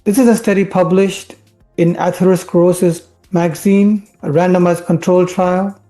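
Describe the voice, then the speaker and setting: Mellow science show host, soft music behind. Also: medium pitch, fairly even intonation, moderate pace. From India. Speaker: family physician presenting health videos. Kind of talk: science explainer, scripted presentation.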